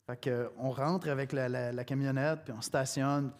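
A man's voice: medium pitch, fairly even intonation, normal speed. A middle-aged man with a Québécois accent preaching a sermon in a conversational, storytelling way, speaking straight to the listener. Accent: Québécois French. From Quebec. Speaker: pastor.

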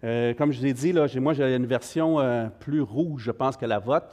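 A man's voice: medium pitch, normal speed, darkish tone. A middle-aged man with a Québécois French accent leading an informal Bible study class, hesitant with many fillers and friendly asides to the group.

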